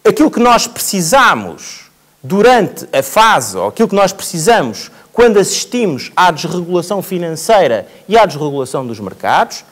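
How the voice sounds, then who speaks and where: A man with a high voice makes his case in a public debate. He argues point by point and keeps driving his message home by repeating it. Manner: argumentative, builds points by repetition. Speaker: panel speaker. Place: theatre stage.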